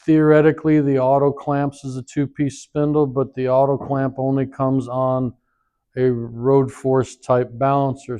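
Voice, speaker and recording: Man, workshop trainer, hands-on demo, rambling, thinking aloud, average pitch, moves off mic. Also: mellow, clean tone. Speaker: equipment trainer. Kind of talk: hands-on demonstration.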